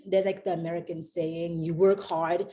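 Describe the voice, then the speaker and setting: A young Haitian woman who founded a company chats as a guest on a podcast, rambling along with plenty of fillers and restarts in a casual interview. Her voice is on the low side and mellow, level in tone, at a moderate pace.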